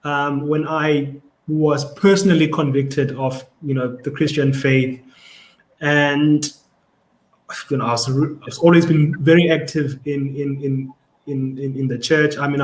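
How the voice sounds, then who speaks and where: A man's voice: fairly high pitch, level tone, unhurried, roomy sound, low-quality recording. A young man with a South African Xhosa accent, a podcast guest talking in a thoughtful, casual way and often repeating words as he searches for them. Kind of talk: casual conversation.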